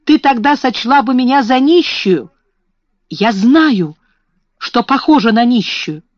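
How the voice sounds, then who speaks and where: A proud, hungry young girl, as a woman reader puts her on, speaks in a slightly raised, slow voice. She keeps her restraint even when bitter. The recording is dull and dry. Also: fairly high pitch, dry recording, voice pushed up.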